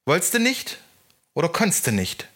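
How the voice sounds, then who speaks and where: A brash young troublemaker, grinning and slangy, lifted up high and bright, as a male narrator puts him on. He sounds cheeky and sure of himself. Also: wildly swooping pitch, moderate pace, breathy edge, exaggerated voice. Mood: cocky. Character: tall cocky blond young man, brash.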